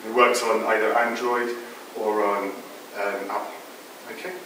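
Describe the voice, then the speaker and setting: A man's voice: fairly low pitch, flat delivery, measured pace, bright, forceful tone, a little hiss or hum. A middle-aged man giving an informal conference talk in a large lecture hall, explaining with frequent fillers. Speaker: conference presenter. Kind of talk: conference talk with audience questions. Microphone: far room mic, not using microphone. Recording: echoey hall from far off.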